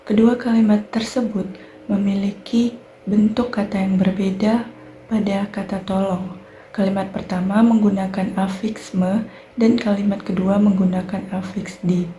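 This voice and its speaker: A young woman with an Indonesian accent, a university student giving a clear, methodical recorded class presentation on sentence structure. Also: mid-range voice, steady tone, measured pace, dark tone, slight background noise. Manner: clear explanatory delivery, fillers like "nah" and "baik".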